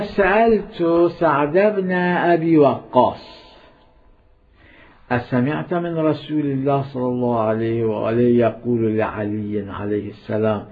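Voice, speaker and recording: A man giving a religious lecture, emphatic and repetitive, swinging between loud stress and hushed asides. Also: mid-range voice. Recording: tinny phone-like lo-fi recording.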